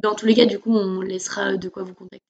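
A woman's voice: mid-range voice, little pitch movement, quick pace, creaky, darkish tone. A young woman hosting a casual student podcast interview in an informal, encouraging way. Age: young adult.

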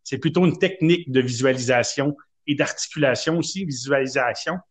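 A man's voice: medium pitch, a little fast. A man with a Québécois French accent co-hosting a podcast, talking casually and telling stories with a self-mocking humor. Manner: chatty, self-mocking, storytelling. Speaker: podcast co-host. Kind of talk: casual chat.

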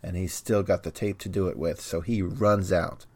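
Lowish voiced guy recapping a cartoon, dry jokes, close dry mic. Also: normal speed, dry recording. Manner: steady storytelling with dry humor. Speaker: podcast co-host recapping the plot. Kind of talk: casual plot recap.

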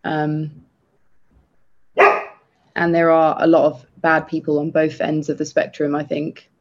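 A man co-hosting a podcast, talking earnestly and haltingly with many restarts. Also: on the high side, monotone. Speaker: podcast co-host. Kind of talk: casual podcast chat. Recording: dull lo-fi sound.

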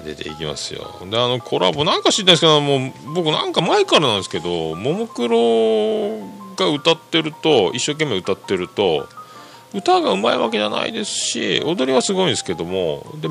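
A man hosting a podcast, rambling casually about music in a chatty, lively way. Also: on the low side, gravelly. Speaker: podcast host.

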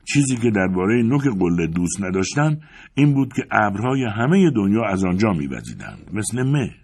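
A male audiobook narrator with a very low voice and a husky grain. He reads the novel expressively, and his pitch swings widely as he paints each scene. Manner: expressive, dramatic reading.

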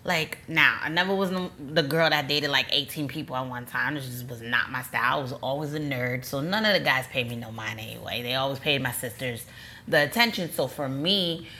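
A young adult woman telling a personal story in casual chat, animated and acting out quoted voices with lots of "like". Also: rumbling low, fairly quick, slight background noise. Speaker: storyteller recounting her courtship.

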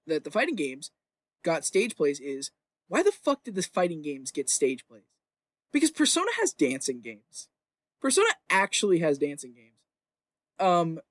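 A podcast host rambles casually and opinionatedly in a middling-pitched voice, emphatic and sweary, looping back to repeat phrases for emphasis. The recording is dry, with no room sound.

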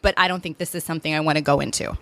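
A woman's voice: deep voice, fairly even intonation, very fast, vocal fry, sharp tone, no echo. Encouraging woman podcast host, dry sound. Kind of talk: podcast interview.

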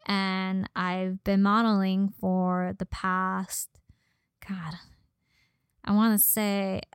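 With a level, mid-range voice and drawn-out words, this young woman sounds smooth on a dry, clean studio recording. She's a model and personal trainer from Los Angeles, born in Mexico, speaking with a slight Valley girl Californian accent as a guest in a casual podcast interview.

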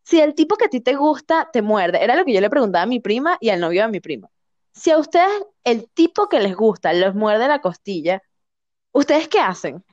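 A woman's voice: fairly high pitch, a little fast, no echo, lo-fi sound. A young woman with a Venezuelan accent, telling a story in casual chat with lots of slang and laughter. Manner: animated, laughing often, slangy.

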